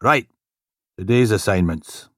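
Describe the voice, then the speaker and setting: A man voicing a large, bald police inspector who speaks gruffly and emphatically, full of threats. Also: on the low side, lively intonation, slow, fairly bright tone, dry recording, clean studio sound. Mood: stern.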